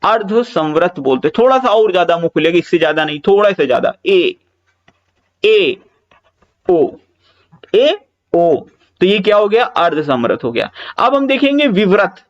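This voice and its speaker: A man's voice: high voice, very animated, a little fast, few pauses, highs cut off. A man teaching an exam-prep Hindi grammar lecture, explaining patiently, repeating key points and drawing out example vowel sounds, with casual reassuring asides.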